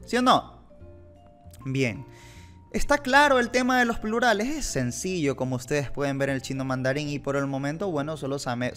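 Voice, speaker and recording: A man's voice: mid-range voice, fairly bright tone. A young man teaching a beginners' language lesson, patiently repeating words and asking learners questions. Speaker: Mandarin teacher.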